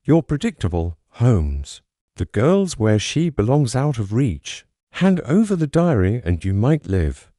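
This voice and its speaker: Male narrator reading a gaunt, scheming villain, cold and hissing; dark, slow voice. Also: medium pitch, big pitch swings, dry recording, studio quality. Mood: cold, menacing.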